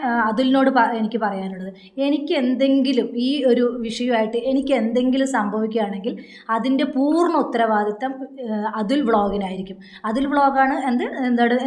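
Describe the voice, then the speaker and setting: A woman's voice: fairly high pitch, darkish tone. A woman vlogger giving a direct-to-camera rebuttal into a phone, scolding a rival and firing off rhetorical questions. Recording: echoey room.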